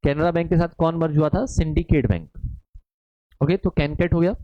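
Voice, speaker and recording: A man's voice: a little high, steady tone, normal speed, no echo. A man teaching a live online exam-prep lecture, chatty and repetitive, often checking in with his students. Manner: chatty, repeats "है ना" constantly, reads student chat aloud. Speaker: online commerce exam tutor. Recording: dull dry lo-fi stream audio.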